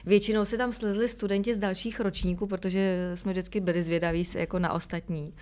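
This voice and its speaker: Herečka vypráví v rozhovoru pro podcast, upovídaně, s častým váháním a smíchem, nahráváno v pražském klubu. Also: female voice, medium pitch, little pitch movement, a little mellow. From Czech Republic. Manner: chatty, hesitant fillers, laughs often. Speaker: actress, podcast guest. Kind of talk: casual interview chat. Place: Prague music club.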